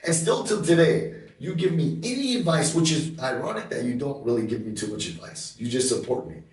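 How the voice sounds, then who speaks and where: A man's voice: on the high side, brisk, darkish tone. Mma gym guy chatting on a podcast, earnest, repeats stuff, sounds a bit far off in a roomy space. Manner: earnest, emphatic, repeats himself. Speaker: MMA gym owner and coach. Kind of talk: casual podcast conversation.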